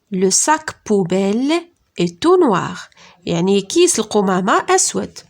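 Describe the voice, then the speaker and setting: A woman with a Moroccan accent teaching a primary school reading lesson, saying French words slowly and clearly, then explaining them quickly. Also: mid-range voice. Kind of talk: classroom lesson.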